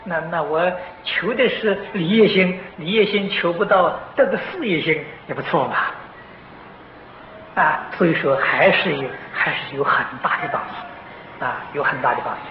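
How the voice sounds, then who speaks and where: An older man giving a slow, patient lecture on a Buddhist sutra, filling pauses with drawn-out "ah" sounds and clearing his throat now and then. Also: fairly high pitch. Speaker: Buddhist teacher. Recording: dull, roomy, noisy old tape of a lecture hall.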